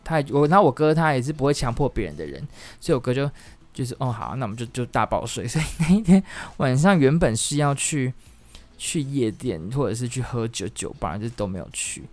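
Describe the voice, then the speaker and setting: A man, hosting a podcast and telling casual stories, animated and acting out the voices of the people he quotes. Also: mid-range voice, brisk, soft background music. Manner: animated, acts out quoted voices, laughs often. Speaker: podcast host. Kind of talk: casual storytelling monologue.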